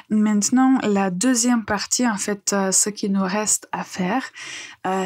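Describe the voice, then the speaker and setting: A woman teaching French on a podcast, explaining phrases patiently with frequent pauses and hesitations. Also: mid-range voice, a little mellow, slightly rough. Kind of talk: podcast language lesson.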